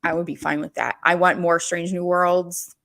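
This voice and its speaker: A woman's voice: on the low side, level tone, moderate pace, vocal fry, a bit bright. A woman co-hosting a casual podcast discussion, thinking aloud with many fillers and laughing often. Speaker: podcast co-host. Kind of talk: casual chat.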